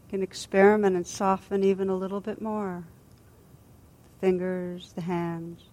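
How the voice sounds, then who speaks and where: In a soothing, gentle guided body scan, the woman teaching lets long pauses fall between her unhurried words. Her pitch sits in the middle and barely moves.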